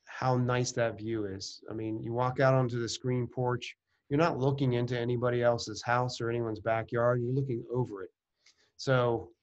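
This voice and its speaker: A man's voice: mid-range voice, muffled recording. A middle-aged man casually narrating a virtual house tour as a real estate agent, with many ums and restarts.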